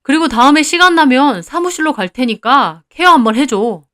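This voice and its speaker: Lady doing a friendly middle-aged guy client, chummy and casual, highish voice. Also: animated, moderate pace, a bit bright.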